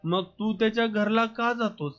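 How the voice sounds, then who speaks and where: A man voicing a defiant young village woman. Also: moderate pace. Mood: angry, defiant. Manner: pleading then sharp, raised pitch. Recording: slightly muffled, soft background music.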